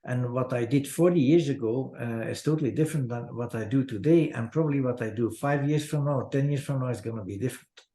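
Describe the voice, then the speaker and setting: An older man from Belgium, a chocolatier, talking in a halting, casual way with many fillers over a video call from an office. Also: medium pitch, dark tone, roomy sound. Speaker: chocolatier guest. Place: office with large window. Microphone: video call webcam.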